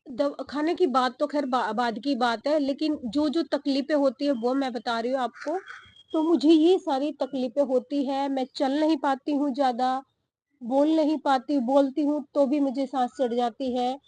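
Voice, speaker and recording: A young woman vlogging from her garden, short of breath and talking slowly with pauses. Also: high-pitched, fairly even intonation, mellow, no room sound. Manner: slow, breathy-paced talk with pauses. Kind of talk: casual vlog talk to camera. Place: home garden outdoors.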